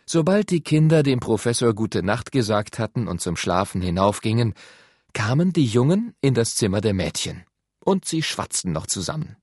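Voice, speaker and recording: A man tells a children's story in a husky voice, with lively, rising and falling pitch. The recording is close and dry, as from a studio mic. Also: normal speed, dry recording. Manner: expressive storytelling. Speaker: audiobook narrator. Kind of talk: scripted narration.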